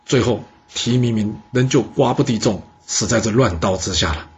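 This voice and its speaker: A man telling a history story in a lively, chatty way. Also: lowish voice, breathy edge. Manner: lively, chatty, drawn-out particles. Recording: dull lo-fi recording.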